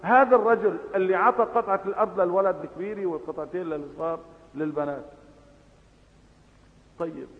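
A man with a Levantine Arabic accent delivering a sermon, passionate, moving between hushed asides and loud exhortation. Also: sits high, fast talker, pauses often. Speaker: preacher. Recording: phone-like, with long reverb.

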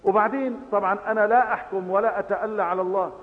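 A man with a Levantine Arabic accent delivering a sermon, passionate, moving between hushed asides and loud exhortation. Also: high-pitched, steady tone, racing. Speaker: preacher. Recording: phone-like, with long reverb.

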